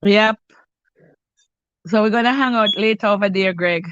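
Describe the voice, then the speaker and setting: A middle-aged Jamaican woman hosts a cooking live stream, chatting casually with viewers by name. Her mid-range voice moves at a normal speed and sounds a bit bright, clear and resonant, though stuffy and congested, and she often restarts her sentences. The recording is dry and the audio dull.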